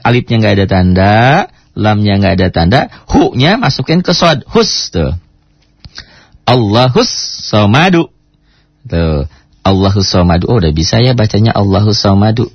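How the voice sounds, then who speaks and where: A man teaching Quran recitation, chatting casually and breaking into slow chanted demonstrations. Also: lowish voice, husky, no echo. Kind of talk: tajwid lesson with recited demonstrations. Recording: dry, dull lo-fi radio recording.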